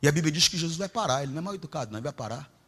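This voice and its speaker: A middle-aged Brazilian man preaching a Pentecostal sermon, swinging between shouts and low, confiding asides. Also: animated, rapid-fire, slight background noise. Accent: Brazilian Portuguese. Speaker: pastor.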